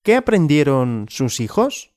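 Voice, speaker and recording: A male language teacher telling a simple story, asking and answering his own questions slowly and clearly. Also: fairly high pitch, very animated, darkish tone, no room sound, studio quality.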